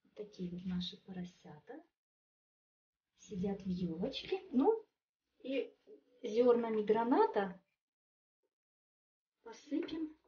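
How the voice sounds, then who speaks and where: A home cook with a medium-pitched, mellow voice and lively intonation talks slowly, leaving long pauses, as she demonstrates a recipe step by step at a kitchen table. Her manner is chatty and homely with many fillers. The recording is distant and muffled, with a little hiss or hum and faint music.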